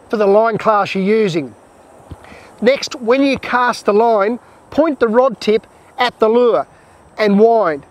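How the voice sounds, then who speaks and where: A man with a noticeably high-pitched voice is teaching fishing technique outdoors. He speaks plainly and with emphasis, laying out each step as an instructor would. The delivery is that of a practical explanation to camera. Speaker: fishing instructor presenting tips.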